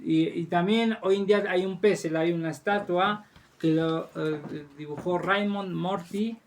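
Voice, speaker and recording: A man, a rabbi, telling a religious story as a lesson, halting often with restarts and fillers. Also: high voice.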